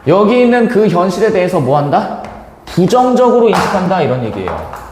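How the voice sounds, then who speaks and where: A young male lecturer tells a story to his class in a lively, slangy way, his fairly high voice swinging widely in pitch. The classroom is echoey with a long reverb tail, and faint room noise sits underneath. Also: a little fast. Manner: animated, slangy, acts out quoted voices. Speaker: Korean literature lecturer.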